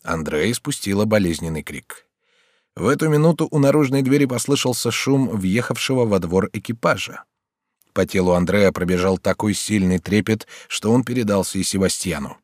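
Guy narrating an old novel audiobook, calm and measured, lowish voice, dry close mic. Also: no echo. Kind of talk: audiobook reading.

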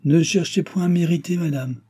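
A man's voice: on the high side, normal speed, mellow, slightly rough, voice pushed up. A man reading aloud, voicing a grave, menacing sorcerer who speaks solemnly.

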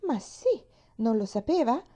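A woman's voice: medium pitch, animated, brisk, dark tone. A woman voicing a cheerful, chatty little girl in a storybook reading, eager and bubbly.

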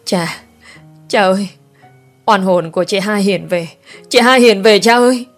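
A woman's voice: medium pitch, very slow, fairly bright tone, soft background music. A woman voicing a frightened young brother who wails and cries in panic in a storybook reading. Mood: panicked wailing. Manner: wailing, panicky. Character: young man, frightened crying little brother.

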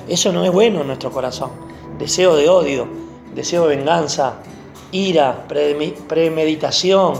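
A man preaching a sermon, animated and repeating phrases for emphasis. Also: a little high, gravelly.

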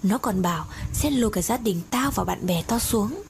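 A woman voicing a frightened, guilt-ridden young woman who pleads softly, over a hissy recording. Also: medium pitch, lively intonation, normal speed, gravelly. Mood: fearful. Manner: fearful, pleading. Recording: noisy background hiss.

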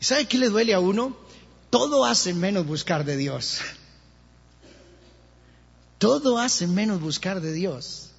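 A man with a Colombian accent, a pastor giving an animated sermon in church and acting out the voices of others. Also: high voice, slow pace, vocal fry, pauses often, husky. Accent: Colombian Spanish. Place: church hall. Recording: lo-fi church recording with long reverb.

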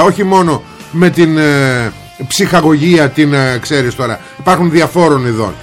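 A man's voice: high voice, a bit bright. A man hosting a talk radio show, ranting sarcastically about politics in blunt street slang. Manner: sarcastic, mocking, colloquial rant.

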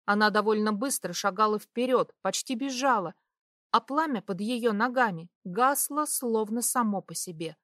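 A young woman reading a first-person fantasy audiobook in a brisk, vivid storytelling manner. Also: mid-range voice, a bit bright, no echo, studio quality. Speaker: narrator.

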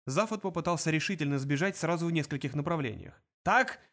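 A male audiobook narrator, his voice sitting a little high. He reads the prose in an expressive, lively manner. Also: fast. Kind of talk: scripted narration.

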